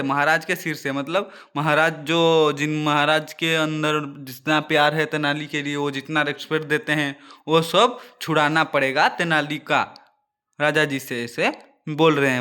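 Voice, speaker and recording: A man's voice: on the high side, pushed and bright, clear, resonant tone. A male teacher reading a children's story aloud and explaining the meanings of words, often addressing the children directly.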